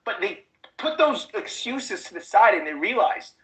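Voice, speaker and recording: Pushy, bright-voiced man pitching a webinar. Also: very animated, normal speed, low-quality recording. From United States, Chicago suburbs. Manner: pushy, repeats rhetorical check-in questions. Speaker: online business trainer.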